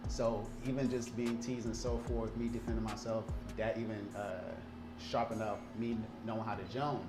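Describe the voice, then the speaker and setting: Male guest, 30s, Liberian-born, lively anecdotal delivery; roomy recording with music bed. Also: on the low side, normal speed. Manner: animated storytelling, frequent fillers and restarts. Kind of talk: casual interview. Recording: roomy sound with music underneath.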